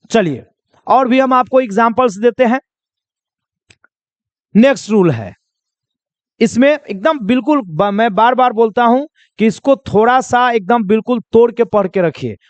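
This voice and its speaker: Man, very high voice, smooth, English teacher, asks and answers his own questions, dry, slightly muffled sound. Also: no echo. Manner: repeats questions and answers them himself, coaxing; addresses students as children. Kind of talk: spoken English lesson.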